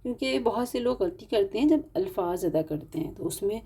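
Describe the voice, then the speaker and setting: A woman's voice: medium pitch, expressive, mellow, slightly rough. A woman teaching a Quran recitation lesson, explaining patiently step by step and stretching out example words. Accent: Urdu-speaking, Pakistani. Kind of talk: online tajweed lesson.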